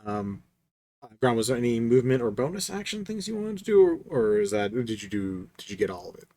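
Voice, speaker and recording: A man running a tabletop game as game master, easygoing and hesitant, with fillers and quick laughs. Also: medium pitch, big pitch swings, mellow.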